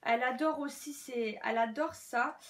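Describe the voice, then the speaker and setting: A chatty young woman from France talks through her latest shopping haul at home. Her voice sits high and bright, and she rambles along with fillers and stumbles. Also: normal speed. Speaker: beauty vlogger. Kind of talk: casual haul video chat.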